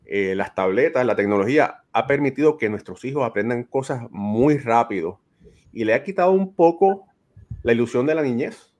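A man's voice: mid-range voice, animated, normal speed, darkish tone. A man hosting a casual podcast over a video call. He sounds earnest and fatherly, offering life advice. He often ends his sentences with a questioning tag. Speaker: podcast host. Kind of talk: casual chat, giving advice.

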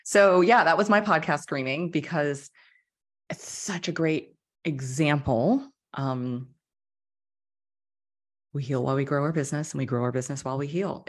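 A woman hosting a podcast group chat, effusive and emotional, with lots of affirming murmurs. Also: very deep voice. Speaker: podcast host.

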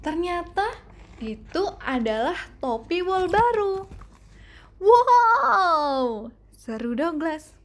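A woman reading a children's storybook aloud in a gentle, expressive way. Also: very high-pitched, slow pace. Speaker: storybook reader.

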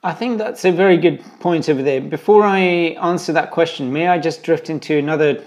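A man's voice: fairly high pitch, brisk, darkish tone. A man with a British English accent, an interview guest talking earnestly and wandering off into side points. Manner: earnest, digressive. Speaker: interview guest, travel writer. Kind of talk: conversational interview answers.

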